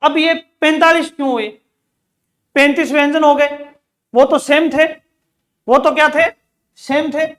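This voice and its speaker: A man's voice: extremely high pitch, fairly even intonation, unhurried, pauses often, a bit bright. A man teaching an exam-prep grammar lesson, asking questions and answering them himself, repeating key words. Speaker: Hindi teacher.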